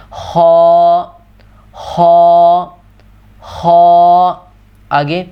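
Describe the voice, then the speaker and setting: A man teaching Quran reading in a patient step-by-step lesson, slowly repeating and stretching out each letter. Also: on the high side, muffled recording.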